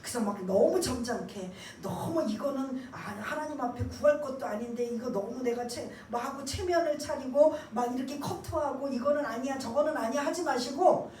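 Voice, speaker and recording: A woman pastor giving a sermon. She asks the congregation questions and waits for their answers, and drops to a hushed voice when she acts out a prayer. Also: sits high, normal speed, few pauses, slight background noise. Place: church sanctuary. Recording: echoey church room, mic at a distance.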